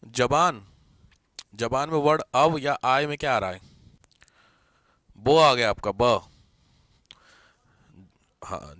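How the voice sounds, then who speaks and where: A man's voice: a little high, dry recording, studio quality. A man teaching a live grammar class, quizzing and teasing his students as he goes. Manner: lively, teasing, questions students often.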